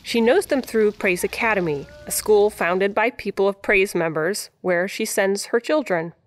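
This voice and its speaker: A woman giving scripted documentary narration in a measured, even delivery. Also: mid-range voice. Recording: faint music behind.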